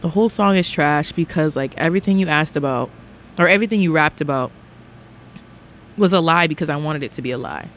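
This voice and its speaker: A woman's voice: low voice, a little fast. A woman giving a casual, slangy reaction to music in a conversational way. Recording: faint vehicle noise in background.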